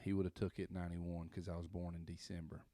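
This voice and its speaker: A man's voice: low-pitched, flat delivery, fast talker, warm tone, no echo, studio quality. A man, a pastor talking in an easygoing, rambling way with many fillers, in casual conversation. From South Central Kentucky. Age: 30s. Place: indoor room by a window.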